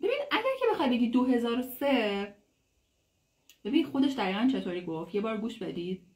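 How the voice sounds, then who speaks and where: A woman who speaks Persian natively, giving a casual English lesson, explaining in a chatty way and saying English phrases slowly and clearly. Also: on the high side, big pitch swings, a little mellow. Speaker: English teacher. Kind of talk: casual online language lesson.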